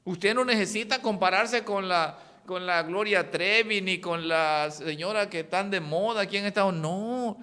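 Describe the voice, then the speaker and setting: Man, pastor, sermon, lively preaching, higher voice, reverb of a church hall. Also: normal speed, hardly any pauses, smooth. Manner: animated preaching with sudden voice swings.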